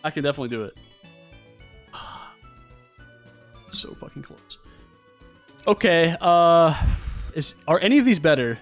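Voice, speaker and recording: Male streamer, higher voice, lively pitch, mutters through gameplay and yells at near misses. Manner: mutters to himself, bursts into shouts when frustrated. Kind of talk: live gameplay commentary.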